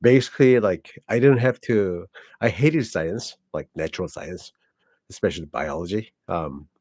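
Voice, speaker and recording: A native Korean speaker from South Korea in his forties hosts a casual personal vlog, talking at a moderate pace in a low-pitched, slightly mellow voice with a Korean accent. He drifts between points with plenty of fillers and self-corrections. The sound is dry and clean, studio-grade.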